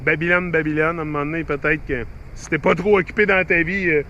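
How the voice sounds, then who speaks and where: Here a middle-aged man with a Québécois French accent chats away to his YouTube viewers, fast and sharp-toned, his voice on the high side but steady. The sound is lo-fi with a little background noise, and his rambling monologue is packed with fillers, restarts and English phrases.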